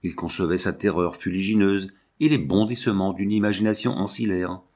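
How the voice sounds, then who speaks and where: Male narrator, low voice, measured expressive novel reading. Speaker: audiobook narrator.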